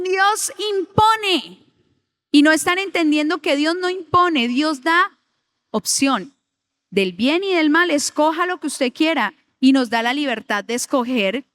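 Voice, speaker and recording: A woman's voice: high-pitched, fairly bright tone. A woman preacher giving an earnest, pleading sermon to young people, acting out the voices she quotes. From Colombia. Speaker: youth preacher.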